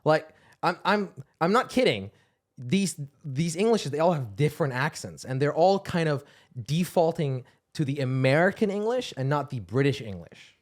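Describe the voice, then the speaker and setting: A man's voice: on the high side, moderate pace. A man, co-hosting a podcast in playful, casual chat. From Netherlands. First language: Dutch. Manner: playful, animated, often laughing. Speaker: podcast co-host.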